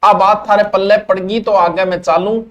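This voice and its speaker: A man's voice: high voice, steady tone, normal speed, lo-fi sound. A middle-aged man with a Rajasthani accent giving a casual, jokey classroom lecture, slipping into Marwari asides. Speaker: teacher.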